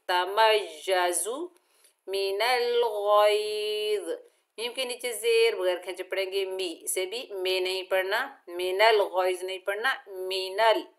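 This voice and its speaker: A woman teaching Quran recitation with tajweed, patiently explaining each letter and then chanting each word slowly and drawn out. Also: medium pitch. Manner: patient, methodical instruction. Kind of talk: slow step-by-step recitation lesson.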